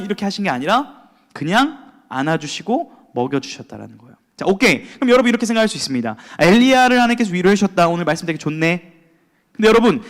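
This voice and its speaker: A young man leads a youth sermon in a high, lively voice that moves all over the place. He keeps it playful, tossing questions to the room and acting out little scenes. The sound carries a long echo from a church hall. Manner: playful, talks with the audience, acts out quoted voices. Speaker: youth pastor.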